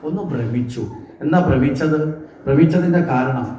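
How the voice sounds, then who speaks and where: A man's voice: on the high side, normal speed, warm tone, roomy sound, slight background noise. A man giving a devotional scripture discourse at a temple, often asking the listeners questions and answering them himself. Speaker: religious discourse speaker. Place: temple hall.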